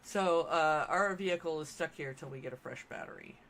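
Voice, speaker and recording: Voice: medium pitch, a little fast, a bit bright. A game streamer giving casual gameplay commentary, chatty and thinking aloud while building.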